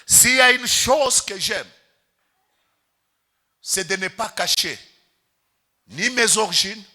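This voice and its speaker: A man's voice: sits high, lively intonation, takes it slowly, bright, forceful tone. A Congolese pastor preaching a sermon in church, calling out to the congregation and stretching his key words for emphasis. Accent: Congolese French.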